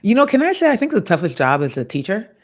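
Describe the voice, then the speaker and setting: A woman in her forties from Ghana talks as a podcast guest. She speaks calmly and reflectively, thinking things through as she goes. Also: mid-range voice, quick pace. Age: 40s. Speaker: guest, author and death doula. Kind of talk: podcast interview.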